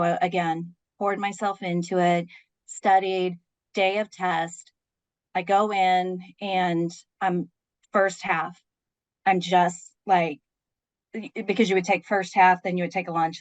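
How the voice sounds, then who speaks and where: A woman in her fifties, a podcast guest, telling a personal story in an earnest, expressive way, laughing between lines. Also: fairly low pitch, no echo, rough recording.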